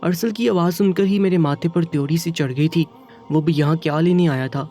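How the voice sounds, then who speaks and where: A man narrating a first-person story in a steady, even reading manner. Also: fairly high pitch.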